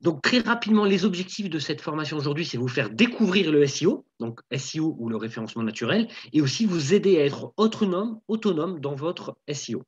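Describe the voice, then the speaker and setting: A man's voice: fairly high pitch, animated, brisk, few pauses, husky. A man co-presenting a webinar, upbeat and welcoming, speaking over a remote video call. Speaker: webinar co-presenter, marketing teacher. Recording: dull lo-fi video call audio.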